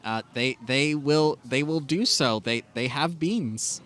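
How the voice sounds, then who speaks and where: A man narrating as game master in a tabletop game, animated and full of hesitant fillers. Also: mid-range voice, takes it slowly.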